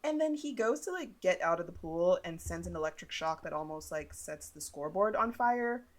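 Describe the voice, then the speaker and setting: A woman's voice: on the low side, lively intonation, normal speed. A young woman co-hosting a podcast, casually recapping a movie, laughing often and acting out quotes. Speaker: podcast co-host. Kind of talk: casual chat recapping a film.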